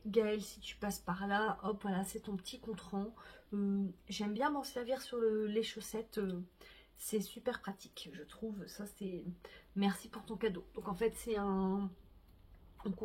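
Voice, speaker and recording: A woman talking casually to her viewers about her knitting projects, chatty, with many fillers and soft asides. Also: medium pitch, breathy edge. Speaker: knitting vlogger. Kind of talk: casual chat to camera.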